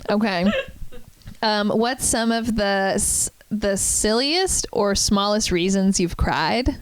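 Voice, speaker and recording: A woman's voice: medium pitch, slow, smooth. A woman from Maryland, a guest actor-comedian, chatting casually on a podcast, rambling and laughing often.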